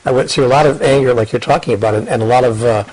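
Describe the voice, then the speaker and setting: A man's voice: medium pitch, very fast, rough recording. An older man guest in an interview, telling his story and ideas earnestly, often repeating and restarting words. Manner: earnest, repeats words and restarts, quotes others in lively asides. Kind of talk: reflective conversational storytelling.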